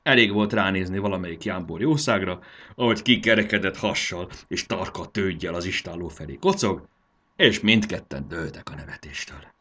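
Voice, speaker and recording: A man narrating a children's storybook in a lively, expressive reading. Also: sits low.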